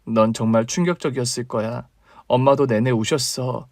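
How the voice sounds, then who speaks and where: A man voicing a caring older sister in a radio drama reading, calm and consoling in a low, quiet tone. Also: normal speed, no echo, clean studio sound, lightly acted. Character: young woman, steady caring older sister.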